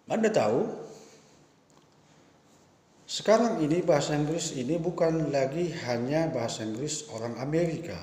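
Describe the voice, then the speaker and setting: A man's voice: a little high, lively intonation, moderate pace, pauses often, a little mellow. A man giving a spoken lecture to teachers, emphatic and asking rhetorical questions. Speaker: professor giving a talk. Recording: echoey room with long reverb.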